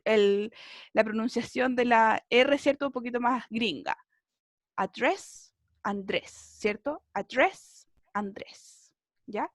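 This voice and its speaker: A woman's voice: high voice, dry recording, studio quality. A woman teaching a beginner English class over a video call, encouraging and often checking in with her students.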